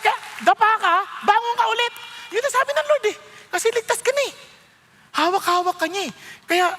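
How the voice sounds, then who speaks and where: A male pastor, preaching an animated, joking sermon and mixing in English. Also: very high-pitched. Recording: long hall reverb.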